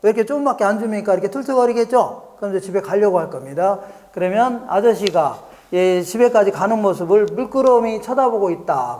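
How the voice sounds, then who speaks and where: A man's voice: high voice, a little mellow. A man giving an exam prep lecture, often asking his students questions and acting out small market scenes. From Korea. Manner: keeps asking the class questions; acts out market scenes in a dialogue.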